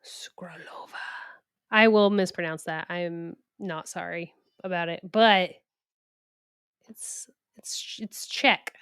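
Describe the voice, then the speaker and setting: A woman's voice: on the low side, takes it slowly, fairly bright tone, clear, resonant tone. A woman co-hosting a casual true crime podcast, a little tired, chatty and laughing often. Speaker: podcast co-host.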